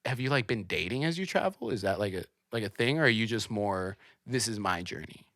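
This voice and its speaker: Young male podcast host, lively pitch, playful and teasing, dry close sound. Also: fast talker, no echo. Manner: playful, laughs often, teasing. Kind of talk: casual chat.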